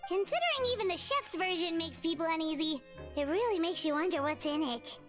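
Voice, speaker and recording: A woman voicing a tiny, excitable and blunt childlike fairy companion in a video game. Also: fairly quick, soft background music. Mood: surprised, doubtful. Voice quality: squeaky, childlike. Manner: exclamatory, refers to self in third person.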